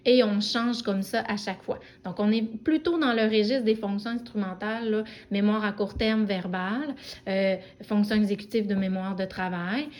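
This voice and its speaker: A woman's voice: medium pitch, a little mellow. A middle-aged woman, explaining a card game step by step in a casual way, with many fillers and restarts. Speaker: educator presenting a game.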